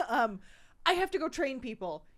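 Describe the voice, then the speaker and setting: A woman playing a tabletop game, excitable and giggly, with a fairly high voice. Her pitch jumps around a lot as she talks. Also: measured pace. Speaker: player. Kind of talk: casual tabletop game play.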